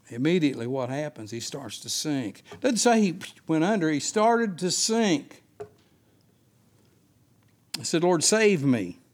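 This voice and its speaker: Male Bible study teacher, fairly high voice, unscripted sermon delivery with rhetorical questions.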